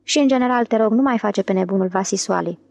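A woman's voice: mid-range voice, gravelly, darkish tone, no echo, close to an everyday voice. A woman voicing a blunt wife who speaks curtly and with irritation. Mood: irritated. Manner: curt and irritated.

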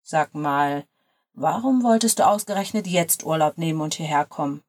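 A woman reading the lines of a young male lawyer in a lower, softer, relaxed voice. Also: normal speed, lightly acted. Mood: teasing.

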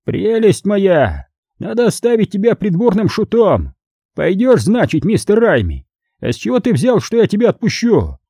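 A man's voice: high-pitched, huge pitch swings, moderate pace, dark tone, breathy edge, dry recording, clean studio sound, voice pushed up, exaggerated voice. A man voicing a ruthless, mocking middle-aged male crime lord in an audiobook, speaking in a sneering, imperious way. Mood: gloating.

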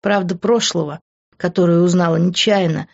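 A woman reading a first-person audiobook with an expressive, emotional delivery. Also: fairly low pitch, moderate pace, vocal fry, highs cut off. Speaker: audiobook narrator.

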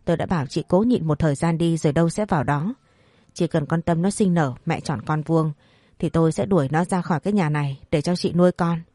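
A woman voicing a harsh, domineering older mother-in-law who scolds in fast, cutting bursts. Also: low-pitched, dark tone, no room sound, clean studio sound. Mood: scolding.

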